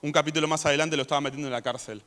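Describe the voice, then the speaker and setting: A man preaching a sermon in church, chatty in tone and rising to loud emphasis when he reads scripture. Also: on the high side, fairly even intonation, racing.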